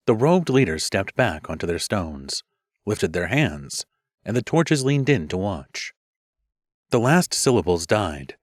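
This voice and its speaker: A man reading a fantasy audiobook in a measured, expressive scripted narration. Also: fairly low pitch, no echo, clean studio sound.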